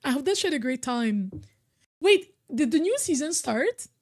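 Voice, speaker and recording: Originally from Cameroon and now living in Quebec, this young woman speaks French as her first language. She chats casually with viewers on a live stream in a high-pitched, very animated voice at normal speed, saying "like" a lot and repeating phrases.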